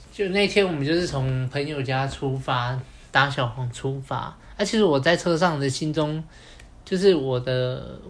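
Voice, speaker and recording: A young man with a Taiwanese Mandarin accent, telling a personal story as a podcast co-host, rambling along with many fillers. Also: medium pitch. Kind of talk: casual storytelling chat.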